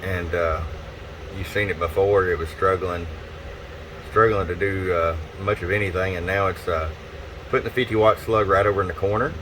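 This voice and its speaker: A man with a low voice plays a radio technician presenting tune-up reports. Speaking at normal speed, he gives a casual, folksy, unscripted product demonstration straight to a customer. A clear, steady hum and noise sit in the background.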